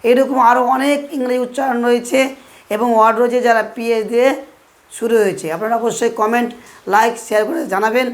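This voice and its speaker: A man teaching English pronunciation in a video lesson, slowly spelling out letters one at a time. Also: extremely high pitch, steady tone.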